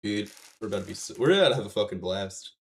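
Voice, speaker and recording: Casting: male live streamer, hyped gamer-bro type, very lively pitch swings, husky edge, slangy and profane chat. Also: fast talker. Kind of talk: casual gaming livestream chat.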